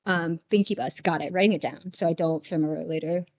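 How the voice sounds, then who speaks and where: A young woman livestreaming while she draws, telling stories in casual chat, rambling and animated with lots of stammered restarts. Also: on the low side, fast.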